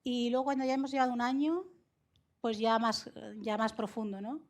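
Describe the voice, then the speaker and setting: A woman psychologist answering interview questions in a measured, explanatory way, often laughing, from Spain. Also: a little high. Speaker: psychologist guest.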